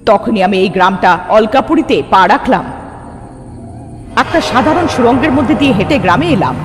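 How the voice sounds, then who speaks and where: In a fairly high, animated voice close to her everyday one, a woman voices a young sorceress in distress, telling of her ordeal herself at a moderate pace. It's an earnest, dramatic cartoon performance with a grave mood, heard through long reverb under loud music.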